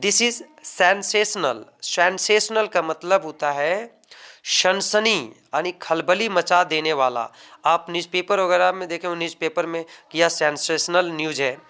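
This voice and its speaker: A man teaching vocabulary, slowly repeating each word and explaining it. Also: on the high side, pushed and bright, smooth. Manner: slow, drawn-out word drills with Hindi explanations. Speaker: English teacher. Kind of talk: vocabulary lesson.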